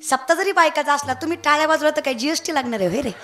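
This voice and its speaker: A woman's voice: high-pitched, rapid-fire, music in the background. A young woman giving a comic devotional kirtan sermon, telling a story, breaking into sung verses and teasing the audience. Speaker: kirtan preacher.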